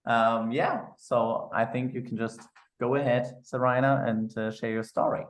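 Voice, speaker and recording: A man's voice: medium pitch, little pitch movement, normal speed. Man with a German accent, coaching informally. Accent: German-speaking. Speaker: presenter at a team training. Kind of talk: informal motivational training talk.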